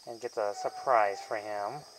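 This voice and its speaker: A man with a fairly low voice gives a casual film review, talking in loose, rambling sentences that wander and trail off. Faint crickets chirp behind him. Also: fairly even intonation, normal speed, slight background noise, low-quality recording. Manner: rambling and loosely strung, trailing off mid-thought. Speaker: movie reviewer.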